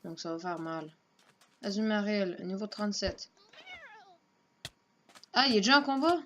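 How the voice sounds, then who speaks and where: Casual gamer woman, slow offhand running commentary, dull lo-fi home mic. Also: mid-range voice, lively intonation, a bit bright, slight background noise. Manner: muttering to herself, unhurried and offhand. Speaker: let's play gamer.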